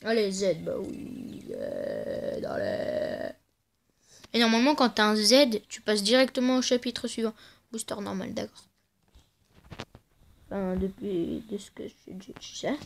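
A woman's voice: mid-range voice, huge pitch swings, unhurried, creaky. A woman giving casual let's-play commentary, playful and trash-talking the game, often muttering under her breath. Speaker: gamer.

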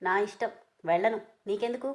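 A woman voicing a stubborn, sharp-tongued young woman who keeps snapping back. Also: medium pitch, fairly quick, lightly acted. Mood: annoyed. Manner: snappy, irritated retorts.

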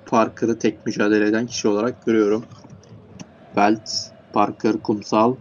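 A man's voice: fairly low pitch, little pitch movement, normal speed, dull audio. A man commentating an online football game, rattling off player names and rising sharply when goals go in. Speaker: play-by-play commentator. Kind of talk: esports match commentary.

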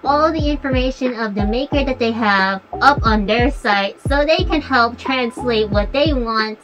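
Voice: mid-range voice, a little slow, low-quality recording. A vlogger talking through a costume head, giving earnest, encouraging advice to viewers. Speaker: fursuit vlogger. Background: background music.

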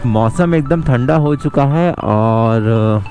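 Slow and a little mellow, a medium-pitched male voice carries casual vlog narration over soft background music. The man, in his thirties, rides a motorbike on a mountain road outdoors, talking to viewers as friends via an action camera on the bike and held at arm's length.

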